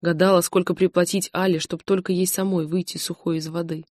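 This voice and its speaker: Female audiobook narrator, steady measured read, low-pitched, dry close mic. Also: dry recording. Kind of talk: scripted narration.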